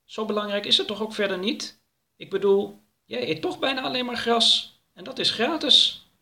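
A man voicing an excitable, anxious male traveler who talks eagerly and pleads in a storybook reading. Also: high voice, normal speed, creaky, pitched above the performer's own voice, exaggerated voice. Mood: coaxing.

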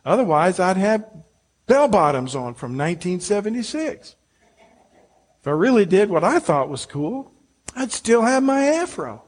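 An older pastor with a husky, high-pitched voice and big pitch swings speaks a little slowly. His sermon is earnest and conversational, addressed directly to the congregation.

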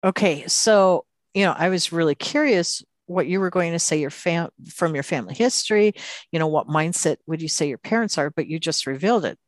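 A woman's voice: on the low side, a little fast, dry recording, clean studio sound. A woman hosting a podcast interview, asking curious questions and laughing easily. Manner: warm, inquisitive, laughs easily. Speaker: podcast host.

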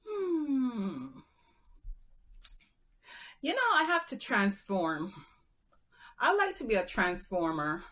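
A woman from Barbados with a Barbadian accent, chatting as a guest in an interview in a measured, upbeat way. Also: a little high, very animated, a bit bright. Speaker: guest entrepreneur. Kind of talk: casual interview chat.

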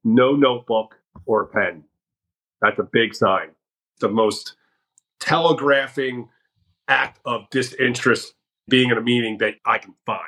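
On a podcast, a sales guest from the US Northeast tells blunt, conversational stories, acting out the lines he once said. His medium-pitched voice is fairly bright, his pace measured with frequent pauses, and the audio quality is poor.

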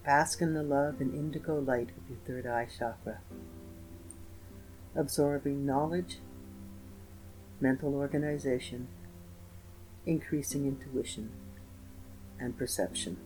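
A man narrating a scripted guided meditation in a slow, gentle, soothing manner with pauses. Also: mid-range voice, rough recording. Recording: voice over meditation music. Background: soft instrumental music with guitar.

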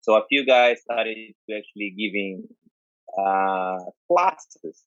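A man's voice: lowish voice, fairly even intonation, a little slow, dry recording, muffled recording. A man with an Angolan accent gives an informal, conversational explanation, stressing points by repeating and listing. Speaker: dance culture speaker.

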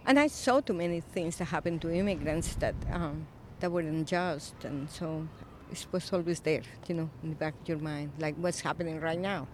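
A Colombian-born woman in her fifties, an Episcopal priest, speaking thoughtfully in a recorded interview, with frequent pauses and fillers. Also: low-pitched, noisy background. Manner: reflective, soft-spoken with frequent pauses and fillers.

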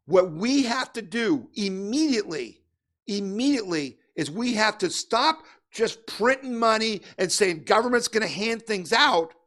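A man with a somewhat high-pitched voice holds forth as a political radio host. He rants with exasperation and conviction, throwing out rhetorical questions as he delivers his opinionated monologue. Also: fairly bright tone.

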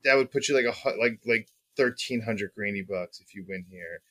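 A man's voice: on the low side, brisk, pushed and bright. A man co-hosting a podcast, chatting casually about racing bets, rambling and joking with lots of ums. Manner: rambling, jokey, many ums. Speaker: podcast co-host.

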